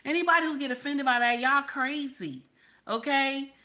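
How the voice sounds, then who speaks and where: A bright woman hosts a casual livestream, speaking emphatically and often repeating "okay?" to her viewers. Her high voice moves at a moderate pace, and she sounds reassuring, frank and conversational, swearing now and then.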